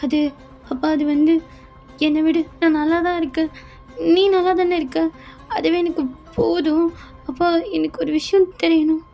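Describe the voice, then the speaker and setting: A woman's voice: very high voice, steady tone, normal speed, creaky, long pauses, dull audio, soft background music, pitched above the performer's own voice. A woman voicing a desperate young daughter who pleads through tears. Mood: pleading. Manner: pleading, tearful. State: crying.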